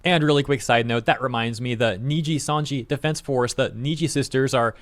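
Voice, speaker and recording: A young man on a reaction channel runs through online drama and reads comments aloud in a blunt, exasperated, mildly sarcastic way. His middle-pitched voice is recorded dry and close, with little room sound, and he talks briskly.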